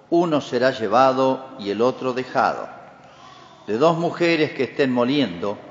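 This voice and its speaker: Male priest at mass, measured preaching with emphatic lifts, long cathedral reverb, muffled recording. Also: medium pitch. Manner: measured liturgical delivery with emphatic rises. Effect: long cathedral-like church reverb. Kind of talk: Gospel reading and homily. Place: large church.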